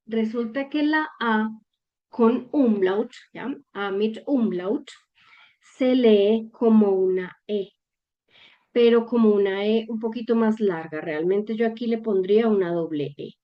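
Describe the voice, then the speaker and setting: A woman's voice: a little high, unhurried, highs cut off. A woman teaching German pronunciation in a patient explanatory lesson who keeps checking in with her viewers through short questions. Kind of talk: slow explanatory language lesson.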